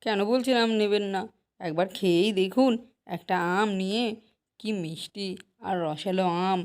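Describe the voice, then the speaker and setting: A woman's voice: medium pitch, normal speed, a little mellow, lightly acted. A woman voicing a poor village mango seller who pleads and bargains to sell her fruit. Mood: persuasive. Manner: pleading, persuasive sales talk. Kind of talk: Bengali cartoon voice acting.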